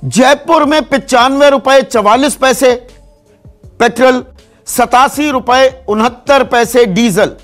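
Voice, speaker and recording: High-voiced male news anchor. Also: fairly bright tone, soft background music. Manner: reeling off price figures briskly. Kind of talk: studio news presentation. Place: TV news studio.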